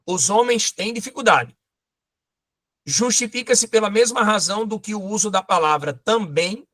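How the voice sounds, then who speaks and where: A man teaching a lively exam-prep grammar lesson, pointing things out as he goes. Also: high voice, moderate pace.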